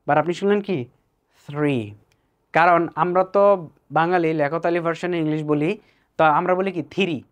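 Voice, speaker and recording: A teacher with a Bangladeshi accent who gives a spoken English lesson, reads the English examples slowly and mixes English words into Bangla with playful asides. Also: mid-range voice, steady tone, clean tone.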